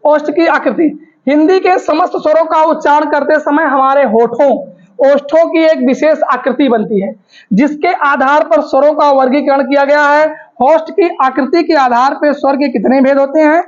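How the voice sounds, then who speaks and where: A woman teacher with a high voice leads a grammar lesson and drills the class. She asks questions, then answers them herself and repeats the terms. The recording is muffled and lo-fi. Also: fairly even intonation, normal speed. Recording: dull lo-fi recording.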